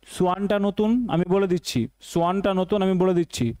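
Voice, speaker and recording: A man's voice: high voice, fairly even intonation, fairly quick, darkish tone, dry recording. A man with a Bengali accent teaching an exam-prep English lesson, repeating each question and answer as a drill.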